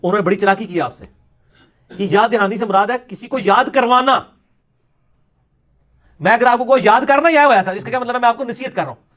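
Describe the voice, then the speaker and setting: Speaking in an extremely high, fairly bright voice and pausing often, a religious speaker lectures polemically. He ridicules his opponents with sarcasm and slips in quips in Punjabi.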